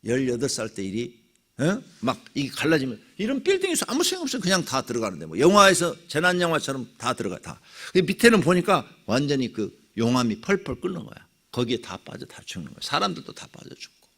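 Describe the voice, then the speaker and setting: A middle-aged male pastor telling a personal testimony in a dawn prayer sermon, dramatic, with sudden swings between loud cries and near whispers. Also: mid-range voice, huge pitch swings, fairly quick, husky.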